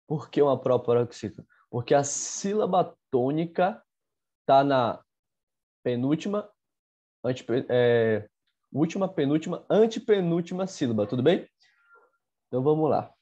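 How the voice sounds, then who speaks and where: A man teaching an exam-prep chemistry lesson, halting with fillers and asking "tudo bem?" after nearly every phrase. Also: fairly high pitch, warm tone, highs cut off.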